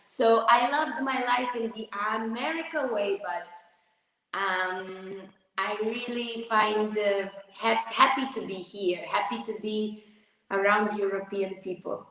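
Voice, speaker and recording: A woman's voice: medium pitch, fairly even intonation, slow, a bit bright, highs cut off. A woman from Lithuania, a dancer speaking earnestly and reflectively in a live video-call interview. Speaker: dancer guest. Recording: echoey room with long reverb.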